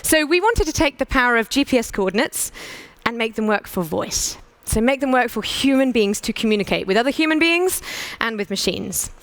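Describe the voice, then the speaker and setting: A British woman giving a conference talk, brisk and persuasive, asking the audience rhetorical questions. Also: fairly high pitch, animated, fairly bright tone, no echo. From United Kingdom. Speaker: conference speaker.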